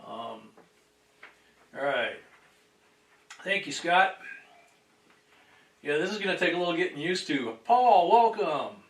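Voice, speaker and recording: A man hosting a casual livestream and greeting viewers, sounding distant from the boom microphone. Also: very animated, slow, long pauses. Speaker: livestream host. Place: indoors at a table. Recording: roomy echo, distant microphone.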